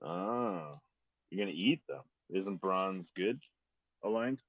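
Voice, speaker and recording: Laid-back man, low dull-sounding voice. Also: lively intonation, slow, no room sound. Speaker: tabletop game player. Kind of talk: casual chat. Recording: dry, dull lo-fi audio.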